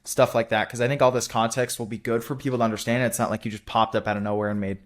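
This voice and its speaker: A man hosting a casual interview, chatty and loose in his phrasing, with quick affirmations. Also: medium pitch, flat delivery. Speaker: interviewer host.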